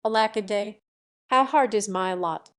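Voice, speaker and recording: A woman's voice: mid-range voice, measured pace, lightly acted. A woman voicing a vain, scheming young country woman who brags about her beauty, in a storybook reading. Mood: mock lament. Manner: boastful, self-satisfied.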